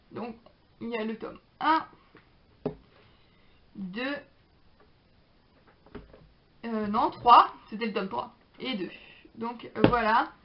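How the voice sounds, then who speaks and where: A young woman with a fairly high voice chats casually to her camera, hesitating often and filling the gaps with little pauses. The recording sounds a bit dull and lo-fi. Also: a little hiss or hum. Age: young adult. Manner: chatty, hesitant, many fillers. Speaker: book vlogger. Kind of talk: casual chat.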